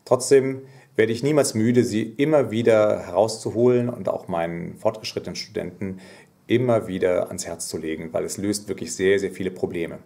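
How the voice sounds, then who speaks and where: Male singing teacher, lower register, patient explainer who breaks into sung examples. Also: steady tone, moderate pace, vocal fry, mellow. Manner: explanatory, sings short demonstration phrases. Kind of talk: voice lesson.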